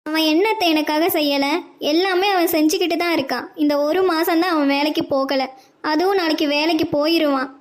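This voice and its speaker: A woman voicing a gentle young wife. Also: high-pitched, a little fast, natural voice. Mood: pleading. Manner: soft and pleading. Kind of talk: Tamil cartoon dubbing.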